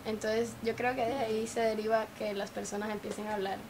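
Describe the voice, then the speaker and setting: A woman in a documentary interview, speaking in a quick, thoughtful way. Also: on the high side, flat delivery, darkish tone, a little hiss or hum.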